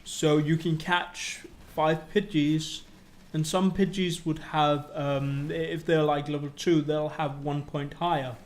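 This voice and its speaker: A man's voice: a little high, little pitch movement, measured pace. A man co-hosting a podcast, patiently explaining details in casual chat, with some stammered restarts. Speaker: podcast co-host.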